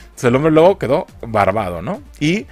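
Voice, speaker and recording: A man's voice: medium pitch, big pitch swings, normal speed, faint music behind. A man giving casual, swearing, laughing commentary as a film trailer reviewer.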